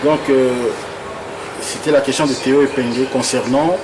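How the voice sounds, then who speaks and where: Halting Congolese-born male interviewer. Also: mid-range voice, fairly even intonation. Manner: halting, repeats words while searching for phrasing. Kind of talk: conversational interview, reading viewer questions. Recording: noisy room with air conditioning.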